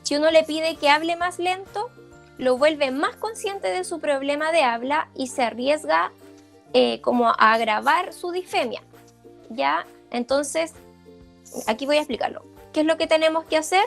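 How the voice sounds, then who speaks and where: Lady therapist talking parents through slides, lots of "eh", high voice, faint music behind. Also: normal speed, vocal fry. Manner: explanatory, with frequent "eh" fillers and "¿ya?" check-ins. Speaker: speech therapist giving a parent workshop. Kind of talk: informal lecture over slides.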